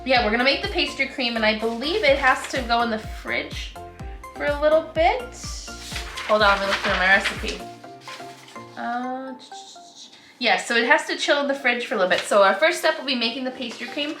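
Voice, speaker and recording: A woman's voice: fairly high pitch, lively intonation, moderate pace. A woman co-hosting a casual home cooking video, chatty and explaining the recipe plainly. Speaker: co-host. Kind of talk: casual chat. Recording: roomy echo, light music.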